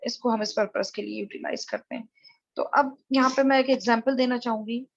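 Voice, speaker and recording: A woman with a high voice walks through a tutorial lecture, explaining each step to her viewers. Her voice is close and dry, with a dull, lo-fi quality to the recording. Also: steady tone, brisk, gravelly, dry recording.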